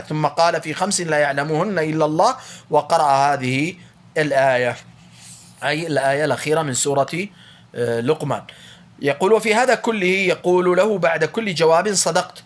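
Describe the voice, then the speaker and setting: Guy teaching a religious class, talks really fast, kinda high voice, lots of restarts. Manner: quick, explanatory, rephrasing with many fillers and restarts. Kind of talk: lecture reading and explaining a classical text.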